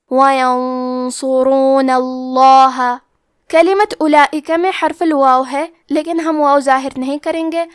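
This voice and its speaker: A high-voiced woman who teaches Quran recitation leads a tajweed lesson, explaining each rule step by step and then reciting slowly with drawn-out words. The recording is close and dry, with no room sound or echo.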